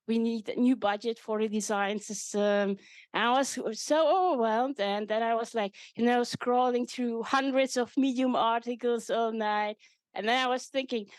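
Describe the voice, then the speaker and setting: A woman's voice: a little high, dry recording. A woman who founded the event, welcoming a live audience in a frank, self-mocking way and laughing often. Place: event space at a meetup.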